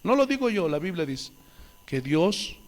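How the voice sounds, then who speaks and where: Emphatic preacher, high and lively. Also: male voice, a little slow. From Bolivia. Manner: emphatic preaching, rhetorical questions, reads scripture aloud. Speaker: pastor. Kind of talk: sermon.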